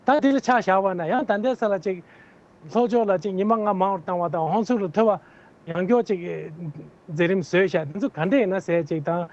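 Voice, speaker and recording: Brief: male candidate, high-pitched, earnest and explanatory, dull lo-fi sound. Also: moderate pace, a little mellow. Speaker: political candidate interviewed as guest. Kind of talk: answering interview questions at length.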